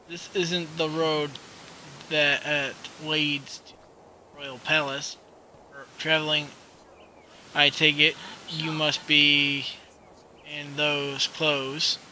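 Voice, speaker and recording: A man reading a polite male town guard's lines from a video game in his own voice, slowly and with slips. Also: a little high, flat delivery, pushed and bright, a little hiss or hum, full character voice, rough recording. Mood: formal. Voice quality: halting, slow reading with slips.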